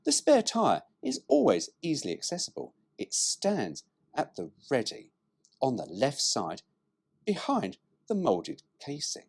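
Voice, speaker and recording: Huge pitch swings mark this man's husky, mid-range voice, which is a little slow with a darkish tone. He alternates between reading a car brochure aloud and tossing in irreverent, joking asides, cheeky and informal with some swearing.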